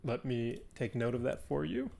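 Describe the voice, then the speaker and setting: A man narrates an improvised fantasy battle on a livestream, building suspense from line to line. His voice sits at a middle pitch, and he drops into casual chat between the dramatic beats. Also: animated, moderate pace, creaky, dark tone, slight background noise. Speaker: livestream host.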